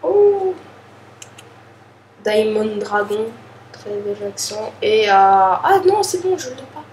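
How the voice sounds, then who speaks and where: Woman opening cards slowly, lots of euh and sorry, sounds far off in an echoey room with faint background hum. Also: medium pitch. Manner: hesitant, apologetic, many fillers. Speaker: card pack opener. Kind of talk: casual unboxing commentary.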